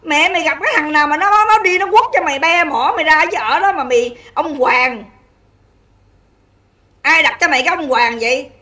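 A woman with a high, bright, piercing voice delivers an angry livestream rant. She scolds and insults in a harsh, relentless flow. She keeps turning to her viewers with rhetorical questions, asking whether she is right. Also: a little fast, recorded from a distance. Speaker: livestream host.

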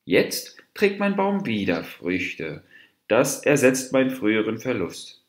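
A man's voice: mid-range voice, huge pitch swings, slow pace. A man doing an angry mouse deer. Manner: angry, firm, snapping. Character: wrathful stubborn male mouse deer, fable hero. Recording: roomy echo.

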